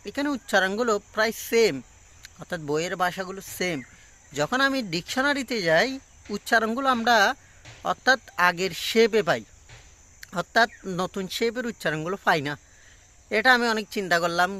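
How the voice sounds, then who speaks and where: A man giving a casual pronunciation lesson on a phone front camera, talking slowly and repeating each word with many fillers. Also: high-pitched, pushed and bright. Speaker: English pronunciation teacher. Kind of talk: casual self-recorded lesson.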